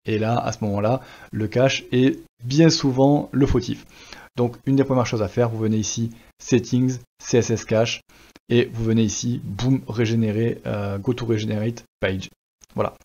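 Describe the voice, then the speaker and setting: Speaking at a normal speed in a mid-range voice, a French presenter talks through a WordPress tutorial recorded on screen. He's easygoing and chatty, with plenty of fillers and restarts, and the audio is a bit dull and lo-fi.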